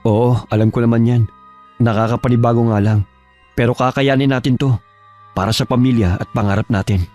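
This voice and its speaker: A man playing a gentle, caring husband. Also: medium pitch, fairly even intonation, fairly quick, faint music behind, close to an everyday voice. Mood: determined. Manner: gentle, reassuring. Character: caring young husband, steady and protective. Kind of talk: radio drama acting.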